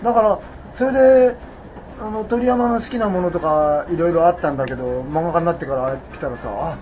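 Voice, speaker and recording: An older man telling anecdotes in casual talk, animated and often laughing. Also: on the high side, a little fast, soft background music, rough recording. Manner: animated, laughing storyteller, mimics quoted voices. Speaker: guest storyteller.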